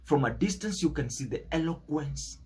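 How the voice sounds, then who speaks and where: Animated and at a normal speed, a young Kenyan-accented man gives a preachy, emphatic political monologue off the cuff, hammering words and repeating phrases. His voice sits on the high side, a little mellow with a breathy edge.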